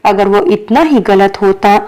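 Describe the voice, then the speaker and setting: A woman's voice: medium pitch, a little slow, darkish tone, close to an everyday voice, low-quality recording. A woman voicing a playful, sulking young female employee in a storybook reading, with a childlike, insistent manner.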